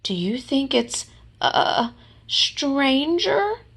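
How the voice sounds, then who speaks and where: Timid little storybook piglet, played by a woman, anxious and earnest, high-pitched with swooping intonation. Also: sing-song, very slow, vocal fry, fairly bright tone, exaggerated voice. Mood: nervous. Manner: nervous, stammering when startled.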